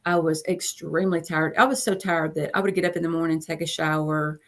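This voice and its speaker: Against slight background noise, a woman in her fifties who coaches chats about appearing as an interview guest, repeating phrases for emphasis. Her low-pitched voice stays steady and fairly quick.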